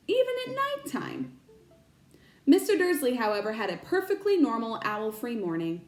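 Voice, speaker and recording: With lots of rise and fall in her high voice, a teacher reads a storybook aloud expressively to a young audience. She stops to clarify words for them, and the recording carries echo from the room.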